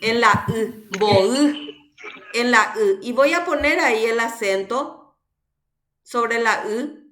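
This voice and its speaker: A woman with a Paraguayan accent teaching a recorded class, slowly and patiently drilling words aloud syllable by syllable. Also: fairly high pitch, lively intonation, pushed and bright, reverberant, a little hiss or hum. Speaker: language teacher.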